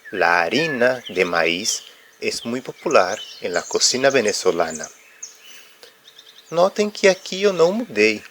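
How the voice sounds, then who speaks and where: A man with a fairly low voice explains grammar at an unhurried, deliberate pace. He pauses on "ah" as he walks through examples and checks in with "ok?". Faint birdsong and insects sit in the background. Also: fairly bright tone, a little hiss or hum. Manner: uses filler "ah" while explaining. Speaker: Spanish teacher.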